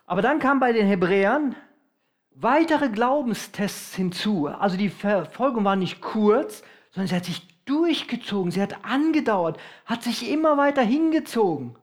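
A man preaching a sermon to his congregation, emphatic and slowing down to stress key points. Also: high voice, lively intonation. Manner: emphatic, varies loudness, slows for stress.

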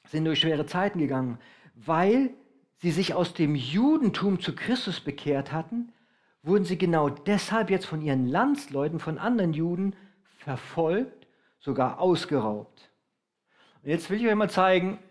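Male preacher, high-pitched, emphatic, stretches key phrases. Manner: emphatic, varies loudness, slows for stress. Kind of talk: sermon.

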